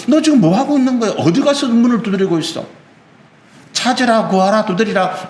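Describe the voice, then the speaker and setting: A man preaching with a high, swooping voice that climbs and drops all over. The sound rings around a church sanctuary with a faint hiss underneath. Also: reverberant. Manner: animated preaching, acting out God's words to the congregation. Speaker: pastor. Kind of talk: sermon.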